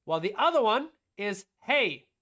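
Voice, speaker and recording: A woman's voice: mid-range voice, lively intonation, normal speed, fairly bright tone. A woman teaching music production on a live stream, explaining her steps aloud as she demonstrates and answering her own questions.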